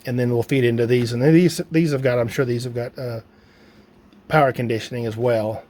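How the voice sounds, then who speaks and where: With a medium-pitched, slightly dark voice, this male DIY radio hobbyist gives an informal, hands-on demonstration, musing aloud while he works. Ambient background noise comes through clearly.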